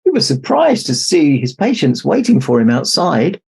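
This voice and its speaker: A man narrating a children's story aloud as an expressive storybook reader. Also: on the high side, normal speed, creaky, husky. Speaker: storybook reader in Santa persona.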